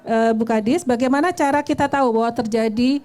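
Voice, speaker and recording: Woman, moderator, hesitant, filler-heavy, fairly high voice. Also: fairly quick, dark tone. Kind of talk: moderating a discussion.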